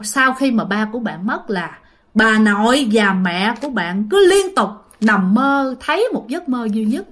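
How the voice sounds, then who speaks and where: A woman narrating listener ghost stories in a chatty, casual way, talking straight to her audience. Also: a little high. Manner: chatty, many fillers, addresses listeners directly. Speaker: ghost story channel narrator. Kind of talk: casual spoken storytelling.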